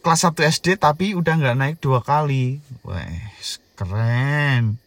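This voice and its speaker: A man's voice: fairly high pitch, normal speed, no echo. A man in his thirties with a Javanese accent, telling a childhood horror story in a casual, jokey way. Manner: animated, jokey, swings between hushed and loud.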